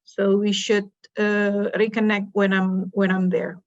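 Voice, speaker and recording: A woman's voice: mid-range voice, little pitch movement, measured pace, darkish tone, highs cut off. A woman from Indonesia hosting a casual online panel chat, asking guests questions with many fillers. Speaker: host.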